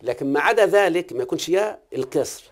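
This one-on-one recitation and grammar lesson is led by a man with an Egyptian Arabic accent and a slightly high, animated, fast voice. His style is questioning, with frequent stops to make sure the student understands.

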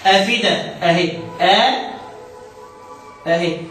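A man with an Egyptian Arabic accent teaching Quran recitation rules step by step, questioning his student and drawing out recited verses slowly. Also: sits high, fairly bright tone. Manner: questioning, step-by-step explaining, slow drawn-out recitation. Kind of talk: tajweed lesson with a student. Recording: very echoey room, mic far off.

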